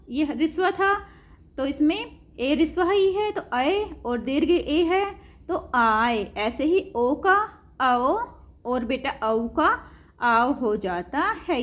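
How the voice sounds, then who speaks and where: A high-pitched woman teaches school pupils a grammar lesson, patiently repeating each example and calling them children.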